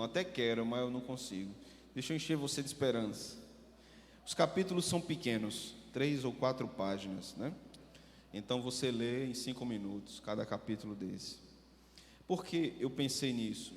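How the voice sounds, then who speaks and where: A male pastor tells a funny story in a sermon and acts out the voices of church members. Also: mid-range voice. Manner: humorous, acts out voices in anecdotes. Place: church sanctuary. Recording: long hall reverb, faint noise.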